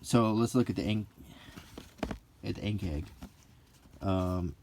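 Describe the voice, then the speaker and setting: Musing his way through a review, the middle-aged host of a hobby video, somewhere in his 40s to 50s, speaks slowly in a low, warm voice. The talk is casual, hesitant and unscripted, with an ASMR-like quality, and there's slight background noise.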